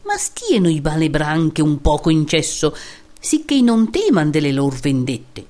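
A woman's voice: low voice, huge pitch swings, unhurried, a little mellow, full character voice. A woman voicing a cunning male sinner who bargains with devils in a recited epic poem, speaking in a sly, wheedling way.

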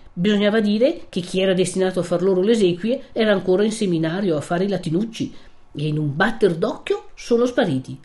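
A woman's voice: mid-range voice, warm tone, natural voice. A woman reading aloud, voicing a timid, fussy old village priest who talks in a worried, wordy, cautious way. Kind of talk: reading a classic novel aloud.

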